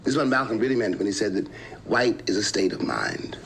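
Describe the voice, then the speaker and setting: A man speaking thoughtfully in a television conversation, measured and searching for his words. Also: lowish voice, very animated, vocal fry, a bit bright, poor audio. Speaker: interview guest. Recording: archival broadcast with faint noise.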